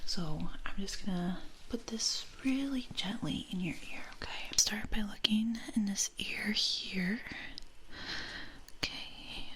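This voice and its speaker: A woman in a whispered role-play as an ear examiner, speaking in a soft, breath-only whisper with a gentle, reassuring manner and frequent check-ins. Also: mid-range voice, slow pace, poor audio. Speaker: ASMR performer playing an ear examiner.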